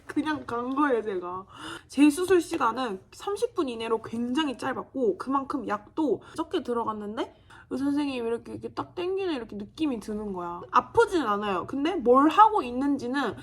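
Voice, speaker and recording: A woman's voice: sits high, a little fast. Chatty young woman telling a funny story. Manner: chatty, animated, acts out quoted voices with laughter. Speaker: vlogger. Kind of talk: casual storytelling while doing makeup.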